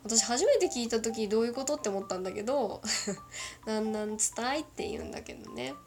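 A woman's voice: fairly high pitch, lively intonation, a little fast, music in the background. A woman from Kagoshima with a mixed northern Kyushu accent, rambling through a casual solo chat and giggling often. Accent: northern Kyushu Japanese. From Kagoshima, Japan.

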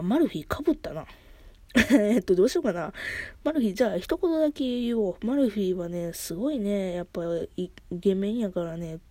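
A woman's voice: medium pitch, warm tone, no room sound. A middle-aged woman with a Kansai accent, hosting a casual solo podcast and rambling as she corrects herself. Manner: rambling, self-correcting, chatty. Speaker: podcast host.

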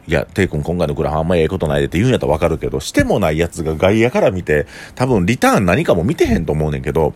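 A young man with a Kansai accent chatting casually on his solo talk show, telling rambling stories in an animated way. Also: low voice. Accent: Kansai Japanese. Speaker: podcast host.

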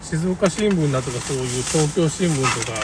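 A man with a slightly high voice talks in a loose, conversational monologue, opinionated and rambling. His intonation rises and falls widely. He sounds some way from the microphone, with clear vehicle and street noise around him. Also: animated, moderate pace. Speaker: commentator recounting a local flood. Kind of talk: casual unscripted monologue. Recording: noisy, distant mic, car and outdoor ambience.

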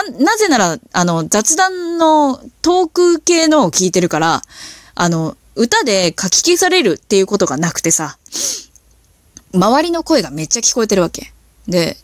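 A woman hosting a casual solo talk, telling stories in an animated, chatty way with lots of fillers. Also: medium pitch, dry recording, clean studio sound. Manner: animated storytelling with impressions. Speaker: podcast host.

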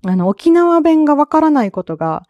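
A woman with a Kansai accent chatting casually on her own podcast, laughing often and filling pauses as she goes. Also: high-pitched, very animated, dark tone, no echo, highs cut off. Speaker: solo podcast talker. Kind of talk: casual solo chat.

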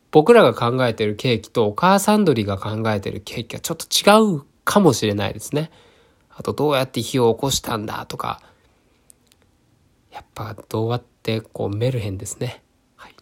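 A man's voice: medium pitch, gravelly. Japanese man reading a fairy tale with comic asides. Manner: chatty, musing to himself. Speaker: solo podcast host.

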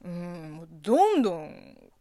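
A Chinese woman whose first language is Chinese, hosting a casual radio show in which she reads listener mail, laughing often and speaking with a slightly husky, boyish voice. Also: on the low side, sing-song, unhurried, mellow, no room sound. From China. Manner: giggly, laughs often, self-deprecating.

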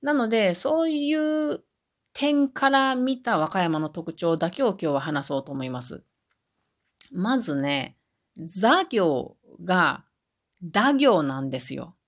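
A woman talking on her own in a chatty, explaining way, amused by her examples. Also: lowish voice. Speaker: podcast host. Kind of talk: solo podcast talk.

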